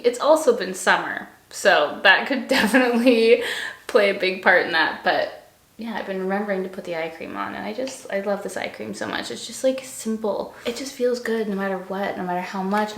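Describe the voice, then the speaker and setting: A woman's voice: medium pitch, brisk, creaky, a bit bright, reverberant. A woman talking casually and effusively to her viewers as a vlogger. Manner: effusive, gushing, conversational. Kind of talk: casual chatty skincare vlog.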